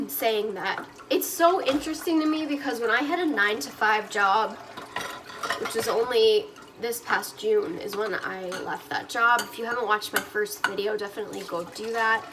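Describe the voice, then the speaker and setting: A young woman who vlogs and resells online chats casually while washing dishes at her home kitchen sink, rambling with lots of ums into a phone propped on the windowsill as the water runs. Her voice is naturally quiet, soft and fairly high, at a moderate pace, with a noisy background.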